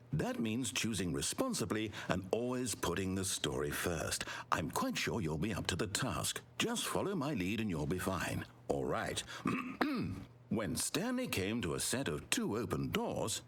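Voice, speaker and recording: A man's voice: huge pitch swings, a little slow, slight background noise. An actor playing a controlling male video game narrator, proud of his story, with precise, theatrical delivery. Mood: guiding. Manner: precise, theatrical delivery with wild swings in pitch. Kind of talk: scripted video game voice acting.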